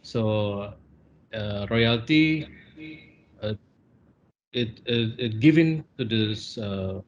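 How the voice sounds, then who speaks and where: Low-voiced male expert, slow, lo-fi audio. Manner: hesitant, many fillers. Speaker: panel expert. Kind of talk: answering a question. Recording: dull lo-fi sound.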